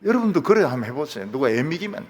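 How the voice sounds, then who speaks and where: A man pastor gives a dramatic sermon, dropping to soft asides and then rising to shouts. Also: a little high, sing-song, very fast, noisy background. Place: church sanctuary. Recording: reverberant church hall.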